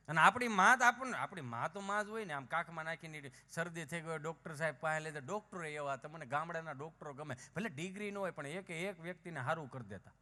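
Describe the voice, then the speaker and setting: A man's voice: sits high, bright, forceful tone. A man performing live folk stand-up, acting out village characters with shifting voices. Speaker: folk comedian on stage. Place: outdoor or hall folk stage. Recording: live stage with long hall reverb.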